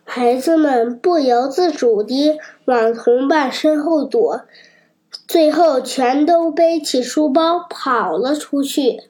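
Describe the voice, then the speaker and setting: Slow high-voiced woman reading a children's story. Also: darkish tone. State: has a cold.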